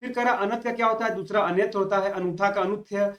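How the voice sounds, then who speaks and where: A man's voice: sits high, fairly even intonation, quick pace, a bit bright. A man teaching an online exam-prep lesson, often repeating key words and telling students to note them down. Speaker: Hindi exam tutor.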